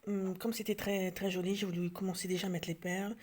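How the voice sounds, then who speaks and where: A woman from France in a casual show-and-tell vlog, talking hesitantly with many fillers and restarts, often dropping to a soft near-whisper. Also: mid-range voice, flat delivery, fast, a little hiss or hum. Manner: drops to soft near-whispers while showing details. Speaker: craft vlogger.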